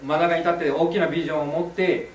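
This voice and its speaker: Fast-talking man interpreting on stage. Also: a little high, flat delivery, slight background noise. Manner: quick, polite asides to the audience. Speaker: interpreter and co-host. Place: large hall, recorded from afar. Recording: echoey hall, far from the mic.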